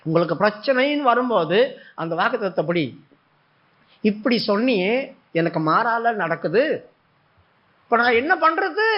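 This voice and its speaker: High pitched guy giving a sermon, acts out the prayers, dialect, muffled recording. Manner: dramatic, acts out prayers and God's replies. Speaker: preacher.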